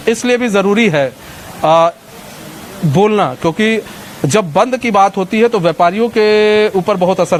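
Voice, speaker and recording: A man with a high voice reports from a cold market street outdoors, with slight background noise. Brisk and talking to camera, he questions traders and asks leading questions.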